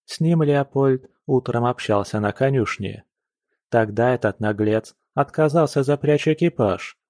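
A male narrator reads an audiobook in a measured, even manner. His voice sits at a middle pitch. He is recorded close to the mic, with a dry sound and no room echo.

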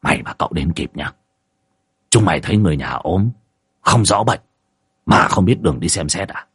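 A gruff old sorcerer, as a man puts him on for an audio ghost story, scolding in a low, husky voice. He fires off reproachful questions. The sound is dry and close. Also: lively intonation, normal speed, a bit bright, no echo, heavily acted.

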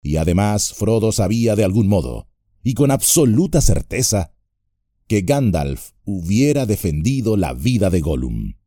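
Male audiobook narrator, mellow low voice, lively delivery, dry studio sound. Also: a little slow, no room sound. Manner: expressive, dramatic reading.

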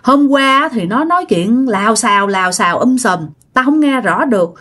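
A woman's voice: fairly high pitch, animated, moderate pace, fairly bright tone. Woman narrator doing a frail, scared old great-grandma, Southern Vietnamese accent, repeats her pleas; folk ghost story. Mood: terrified. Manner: repetitive, pleading exclamations.

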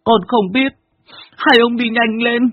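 A man voicing a panicked young village boy who stammers out urgent pleas in a high voice. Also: fairly even intonation, measured pace, no room sound, highs cut off.

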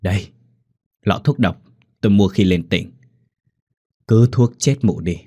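A man voicing a scheming, sharp-tongued middle-aged wife who eggs her husband on, in a Vietnamese ghost story. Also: fairly low pitch, a little slow, slightly rough.

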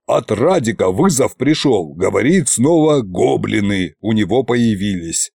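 A man voicing a stern old male tsar who barks curt orders slowly and deliberately. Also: on the low side, animated, gravelly, darkish tone, breathy edge, no echo, full character voice. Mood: commanding.

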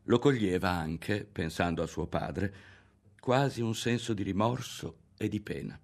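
A man narrating a literary novel in a measured, expressive audiobook reading. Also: deep voice, creaky, faint music behind. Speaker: audiobook reader.

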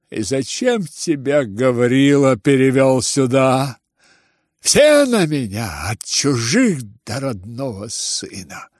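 A man reading an audiobook and voicing a proud old retired general who shouts in outrage. His delivery is slow and declaimed. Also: mid-range voice, dry recording, studio quality, pitched above the performer's own voice.

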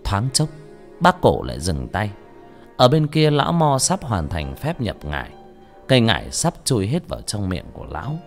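Cast: male storyteller with a low voice, very lively intonation, faint music behind. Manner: expressive, dramatic. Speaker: audiobook narrator. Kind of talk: dramatic story narration.

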